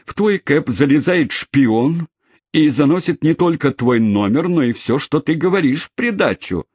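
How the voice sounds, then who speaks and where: A man voicing a rough, quarrelsome London cabman in an audiobook reading, talking in a brash, aggrieved way. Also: on the low side, sing-song, moderate pace, darkish tone, dry recording, clean studio sound. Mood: indignant. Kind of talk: audiobook character voice.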